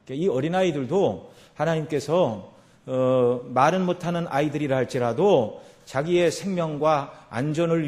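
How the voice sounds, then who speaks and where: A man's voice: medium pitch, a little mellow. A male pastor delivering a Sunday afternoon sermon in a conversational way, often dropping in short affirmations between points. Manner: conversational preaching with frequent filler affirmations. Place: church sanctuary.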